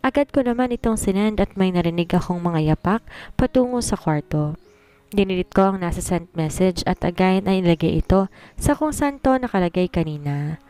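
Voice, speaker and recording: A woman narrating a romance story in the first person with a steady, even reading. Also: fairly low pitch, moderate pace, clean tone.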